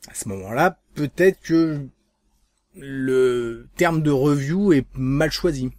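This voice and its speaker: A man's voice: mid-range voice, takes it slowly, darkish tone, no room sound. A man from France hosting a casual video blog, speaking hesitantly with many fillers and restarts. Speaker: vape channel host.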